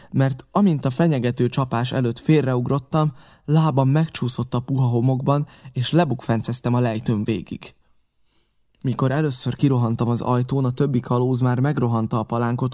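A man reading an adventure novel aloud as steady, scripted narration. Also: medium pitch. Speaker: audiobook reader.

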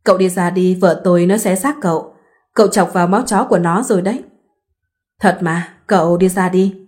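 A woman voicing an easygoing young husband who speaks calmly and reasons patiently in a read-aloud story. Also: high-pitched, brisk, close to an everyday voice. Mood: coaxing. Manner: calm, reasoning.

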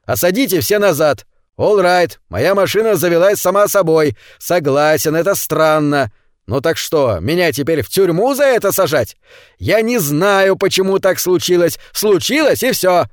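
A worried, defensive homeowner, voiced by a male reader in a storybook, pleading with raised pitch. The delivery is lively and the sound close and dry. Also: moderate pace, no room sound. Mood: defensive anxious. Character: peaceful middle-aged man, anxious then defiant.

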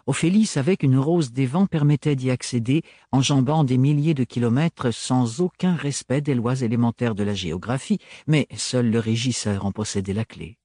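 Man, audiobook narrator, measured storytelling, mid pitch, dry close sound. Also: warm tone, no room sound. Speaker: audiobook reader. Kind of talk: scripted narration.

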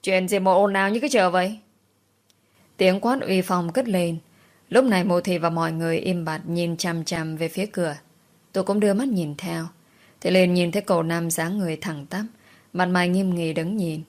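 A woman narrating a story in a brisk, matter-of-fact way. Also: lowish voice, a little mellow.

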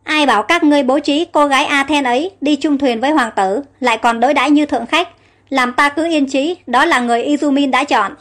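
A woman's voice: high-pitched, brisk, a bit bright, soft background music. A woman voicing an angry old king who barks stern orders. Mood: furious. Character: angry old male king, harsh and commanding.

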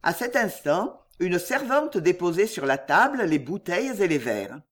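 Audiobook reader telling a novel, super expressive, voice moving up and down a lot. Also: mid-range voice, normal speed. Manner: expressive storytelling.

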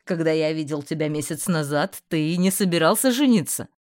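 A woman's voice: sits low, animated, normal speed, darkish tone, no room sound, clean studio sound. A woman voicing a cheerful, commanding male magister who sounds amused while giving orders. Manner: jovial and amused, yet commanding.

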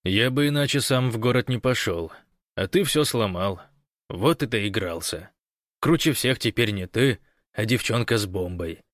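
A man voicing a sly, scheming man who feigns meekness, speaking soft and wheedling in an audiobook. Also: on the low side, expressive, normal speed, no echo, studio quality, lightly acted. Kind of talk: audiobook character voice.

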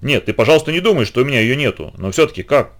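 A man's voice: medium pitch, lively intonation, racing, close to an everyday voice. Man voicing a timid, curious young boy. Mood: earnest. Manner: earnest, questioning.

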